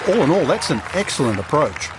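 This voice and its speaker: A man's voice: on the high side, big pitch swings, brisk, a crowd in the background, background noise. A man giving golf commentary as the analyst, explaining things in a reflective, conversational way.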